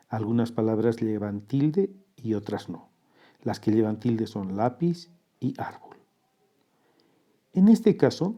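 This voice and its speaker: A man narrating a scripted lesson in a calm, methodical manner, walking step by step through each example. His voice is very dark and mellow, at an ordinary middle pitch. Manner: measured, methodical, breaks words into parts. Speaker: teacher.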